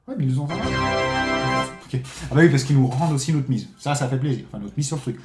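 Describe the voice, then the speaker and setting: A man's voice: mid-range voice, quick pace, reverberant, faint music behind. A man streaming a live casino game, commenting on his bets with frequent swearing and talking to viewers as friends. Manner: excitable, swears often, addresses viewers as friends.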